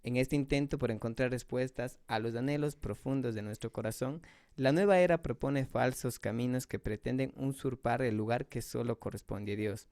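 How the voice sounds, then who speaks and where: Smooth-voiced devout radio host man. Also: medium pitch, darkish tone, dry recording, studio quality. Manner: measured, devout, slows for prayers.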